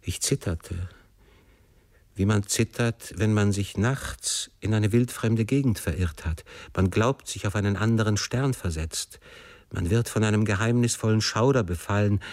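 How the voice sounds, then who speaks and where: A man reads a classic novel aloud as a first-person narrator, measured and emotive. His voice sits very low. The recording is dry and close, with no room sound. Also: a little mellow, dry recording. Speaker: audiobook narrator.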